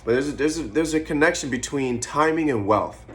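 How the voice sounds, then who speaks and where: A man in his twenties talks straight to the camera in an unscripted vlog. He rambles from thought to thought, swears freely and thinks out loud as he goes. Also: on the high side, brisk. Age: 20s. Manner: rambling, profane, musing aloud; eating while talking. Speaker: vlogger. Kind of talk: casual monologue to camera.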